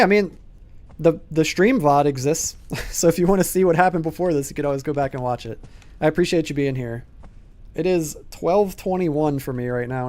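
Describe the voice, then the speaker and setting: A man's voice: a little high, a little mellow. A young man streaming a game late at night, talking casually to his chat while he plays and often laughing. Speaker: gaming streamer. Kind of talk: live-streamed gameplay commentary.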